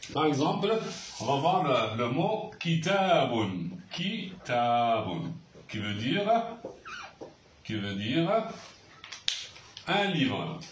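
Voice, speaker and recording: A man gives a slow, patient lesson and often repeats words as he writes. His voice rises and falls a lot. He sounds distant and roomy, with a faint hiss behind him. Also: mid-range voice. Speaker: Arabic teacher.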